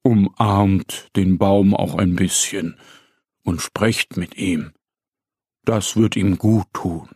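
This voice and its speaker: A man voicing a calm, kindly male deer pharmacist in a children's audio story, gentle and questioning. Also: fairly low pitch, a little slow, no echo, studio quality.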